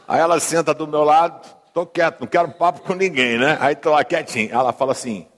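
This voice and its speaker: Humorous Brazilian pastor preaching. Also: male voice, fairly high pitch, brisk. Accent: Brazilian Portuguese. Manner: humorous, conversational, asks the congregation. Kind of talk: sermon with storytelling. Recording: long hall reverb.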